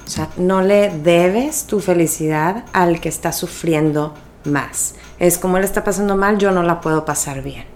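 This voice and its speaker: A woman's voice: fairly low pitch, unhurried, few pauses, a little mellow, a little hiss or hum. A woman with a Mexican accent giving a reflective motivational talk, conversational and often checking in with her listeners.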